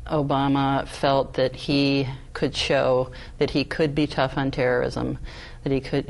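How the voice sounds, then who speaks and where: Woman, flat earnest delivery, panel talk, frequent ums. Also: rumbling low, gravelly, rough recording. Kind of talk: panel discussion.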